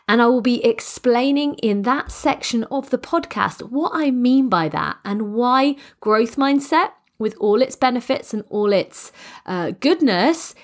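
A middle-aged woman hosting her own podcast as a business coach, sounding croaky and congested from a cold, talking in long, upbeat, motivational sentences. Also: a little high. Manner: enthusiastic, motivational, speaks in long flowing sentences. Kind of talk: solo podcast monologue.

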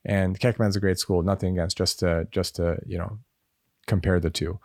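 Low-voiced American man giving practical advice. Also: flat delivery, normal speed, darkish tone, dry recording, clean studio sound. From United States. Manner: conversational, many fillers, practical advice. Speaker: medical school admissions advisor. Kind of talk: podcast interview answers.

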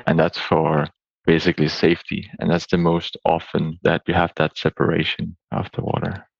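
Very deep-voiced man explaining. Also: completely flat delivery, moderate pace, gravelly, no room sound, highs cut off. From Denmark. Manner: explanatory, with fillers. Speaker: guest expert. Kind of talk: interview answers.

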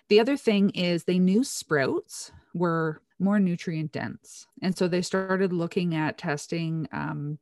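A woman with a lowish voice co-hosts a relaxed talk show, walking through a science study with real enthusiasm. Her sound is close and dry, with no room around it. She explains step by step and keeps the tone chatty. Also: no room sound. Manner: enthusiastic, explains research in detail. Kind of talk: casual science chat.

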